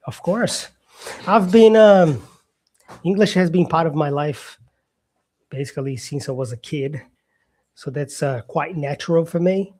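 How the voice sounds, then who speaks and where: A man's voice: a little high, darkish tone. Brazilian man chatting on a live stream. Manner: chatty, answers viewer comments. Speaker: English teacher hosting a live stream. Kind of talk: casual live-stream chat.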